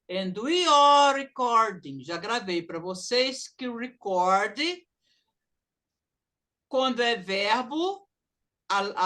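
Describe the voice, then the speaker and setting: A woman teaching English in an online class, explaining slowly and mixing English phrases into her talk over a video call. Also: mid-range voice, fairly bright tone.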